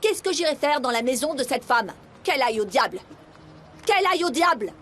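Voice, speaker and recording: A woman's voice: high voice, animated, a little fast, a bit bright, slight background noise. A woman dubbing a bitter, vengeful middle-aged daughter in a TV drama, speaking intensely and accusingly. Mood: stern. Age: 40s. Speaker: dub actress. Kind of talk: French dub of a TV drama.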